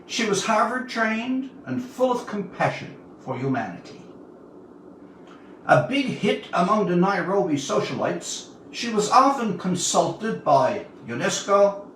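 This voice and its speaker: On an informal livestream, a roughly seventy-year-old Newfoundland writer reads his work and shares stories with viewers. He speaks in a high, somewhat bright voice, picked up by a distant mic amid roomy echo and audible noise.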